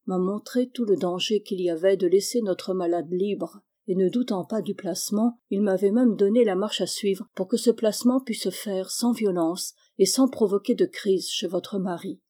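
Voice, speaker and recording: Mellow, husky woman reading a novel. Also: mid-range voice. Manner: steady, measured reading, rising for emotional lines. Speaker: audiobook reader.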